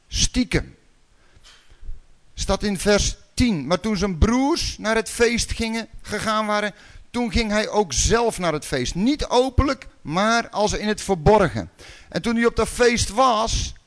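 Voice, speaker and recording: A man from the Netherlands delivers a sermon in a conversational style, asking rhetorical questions and breaking into sudden loud calls. His voice sits high.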